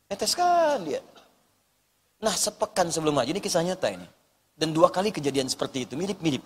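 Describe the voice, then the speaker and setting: A man preaching a sermon, animated, with emphatic bursts and quiet storytelling passages. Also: a little high, husky. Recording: long hall reverb.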